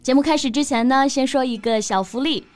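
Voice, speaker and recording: A young woman co-hosting a bilingual English-teaching podcast, explaining words with lively emphasis and easy laughter. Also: high voice, fairly quick, faint music behind. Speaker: podcast co-host.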